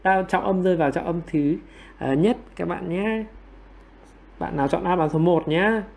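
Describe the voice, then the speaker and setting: A man with a fairly high voice runs a livestream English quiz from his home computer. He keeps prodding the class for answers, and he shrugs off his own slip-ups with quick, self-mocking apologies. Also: creaky, a little mellow. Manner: coaxing, repeatedly prodding students for answers. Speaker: online English teacher.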